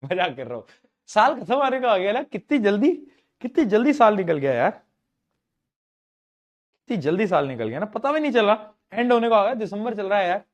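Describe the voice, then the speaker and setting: Guy in his 20s, teaching online, chatty and teasing, reads stuff out slow. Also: sits high, sing-song, dull audio. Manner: chatty, teasing, jokes with students; reads questions out slowly. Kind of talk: online class lecture.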